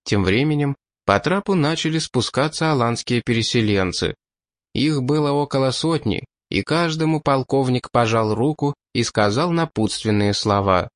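Man, audiobook narrator, steady measured reading, mid-pitched voice, dry close recording. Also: no echo.

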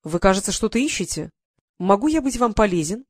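A man's voice: high voice, sing-song, fairly quick, no room sound, heavily acted. A stern aristocratic lord with a commanding, clipped manner, as an audiobook reader puts him on. He presses with question after question, cold and unbending. The sound is dry and close, with no room around it. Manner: stern, interrogating.

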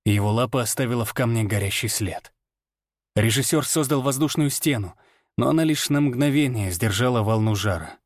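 Male audiobook narrator, measured first-person reading, dry sound. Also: mid-range voice, no echo.

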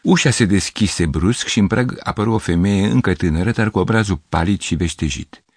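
A man narrates a literary story in a measured, steady reading. His voice is deep and husky. The sound is dry and close. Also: dry recording.

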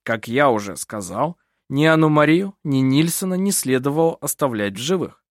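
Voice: medium pitch, dry recording, clean studio sound, lightly acted. A reader voicing an unflappable, sly police officer in an audiobook. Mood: calm. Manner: calm, unhurried, sly. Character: calm sly middle-aged police officer. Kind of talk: audiobook character voice.

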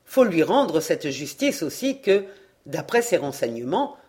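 A woman's voice: deep voice, a little slow. A woman reading a novel aloud, voicing a cheerful young sailor who tells his tale eagerly. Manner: lively, cheerful, exclaiming.

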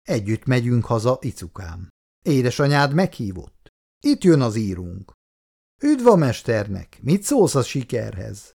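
A man's voice: medium pitch, very animated, vocal fry, mellow. A man reading a story aloud, voicing a blunt, practical young man who talks plainly and teases. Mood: friendly. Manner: plain-spoken, teasing. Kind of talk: read-aloud story dialogue.

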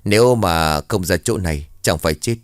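A man voicing an older village elder who calmly consoles and lectures in a measured, authoritative way. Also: low-pitched, dry recording, clean studio sound, lightly acted. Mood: grave.

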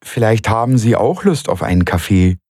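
A man's voice: lowish voice, expressive, moderate pace, darkish tone, husky, no echo, clean studio sound, pitched above the performer's own voice. A man voicing a friendly, persuasive female coworker who pleads and coaxes. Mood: polite. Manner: coaxing, pleading.

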